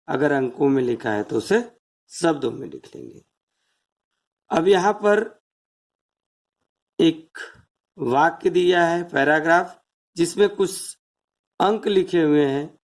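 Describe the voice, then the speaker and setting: A math teacher giving a step-by-step classroom explanation, counting out place values one at a time and asking rhetorical questions. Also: medium pitch.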